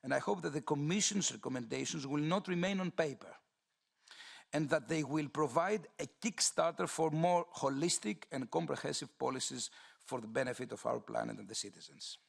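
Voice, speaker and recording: A man from Greece, giving a formal, measured statement to a committee. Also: on the high side, vocal fry, slightly rough. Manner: formal, measured, read-out delivery. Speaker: committee member.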